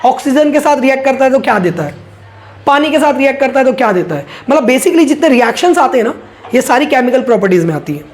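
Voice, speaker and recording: Male chemistry teacher with a high voice; casual lecturer who keeps asking questions and answering them. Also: lively intonation, quick pace. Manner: asks rhetorical questions and answers them himself; repeats key points for emphasis.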